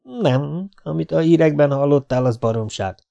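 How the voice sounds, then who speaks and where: A man voicing a laconic, tough adventurer in an audiobook, keeping close to his own dark voice. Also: fairly high pitch, expressive, creaky, highs cut off, voice pushed up. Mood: terse. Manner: terse, matter-of-fact.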